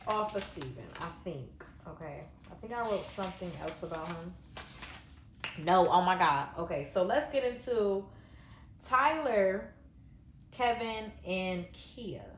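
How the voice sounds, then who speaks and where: A woman's voice: lowish voice, expressive, unhurried, echoey room, a little hiss or hum. A woman giving a casual reaction review of a reality show, talking bluntly with lots of fillers and some swearing. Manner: rambling, filler-heavy, blunt and profane.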